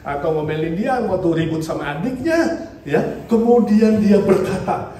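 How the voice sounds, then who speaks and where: Male pastor preaching, high-pitched, keeps asking rhetorical questions; recorded from afar in a very echoey hall. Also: normal speed. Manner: lively preaching with rhetorical questions, mixing in English phrases. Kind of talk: sermon. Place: church hall. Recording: distant mic in a very echoey church hall, faint noise.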